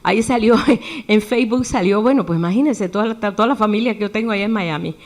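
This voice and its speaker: A woman preaching a sermon in a lively way, acting out the voices she quotes. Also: mid-range voice, fast.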